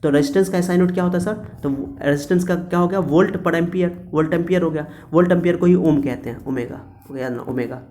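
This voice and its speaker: A man teaches a physics lesson on his terms. His voice sits a little high and sounds mellow. He drills each point by repeating it and answering his own questions. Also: normal speed, few pauses. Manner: repetitive, coaxing, asks and answers own questions. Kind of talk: classroom-style physics lecture.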